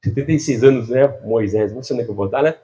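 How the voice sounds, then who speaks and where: A man preaching a sermon as a pastor, animated, swinging between loud and soft, laughing often and speaking straight to the congregation. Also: medium pitch, very fast.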